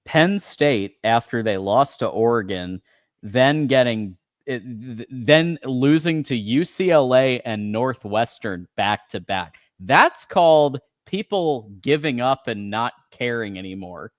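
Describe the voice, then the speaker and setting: A man co-hosting a postgame sports show, making his points in a measured, analytical way and reading out viewer comments. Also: medium pitch, lively intonation, no echo, clean studio sound. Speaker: podcast co-host. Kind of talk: casual sports postgame chat.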